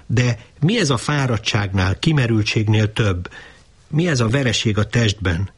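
A man reading his own novel aloud in a measured, wry narrating voice. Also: on the low side, expressive, breathy edge. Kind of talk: audiobook reading.

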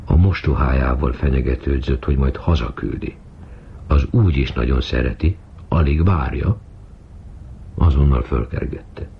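A man narrating a novel in a measured way on an old radio broadcast. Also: extremely low pitch, creaky, slight background noise. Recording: dull old radio recording.

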